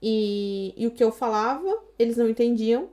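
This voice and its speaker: A woman's voice: on the high side, moderate pace, dark tone. A Brazilian woman in her thirties, a podcast guest telling her story casually and animatedly, acting out the dialogue she quotes. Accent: Brazilian Portuguese.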